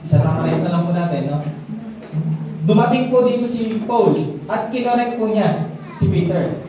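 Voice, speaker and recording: A man giving a chatty sermon to a congregation, often pausing to ask his listeners if they agree. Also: sits high, dull audio, soft background music. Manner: keeps asking listeners for agreement, relaxed and chatty. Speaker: church leader teaching a congregation. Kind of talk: conversational sermon. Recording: echoey, distant mic in a hall.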